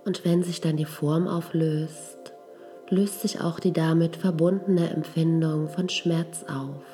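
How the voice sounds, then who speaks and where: A woman leading a guided healing meditation in a soft, gentle, breathy voice that trails toward a whisper. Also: sits low, steady tone, slow. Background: music.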